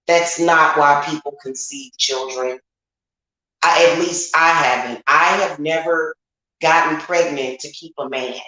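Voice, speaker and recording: Speaking off the cuff to her viewers, an American online witch and spiritual reader comes across as candid, emphatic and colloquial, going over her points more than once. She has a deep voice with a fairly bright tone. The room is very echoey and reverberant.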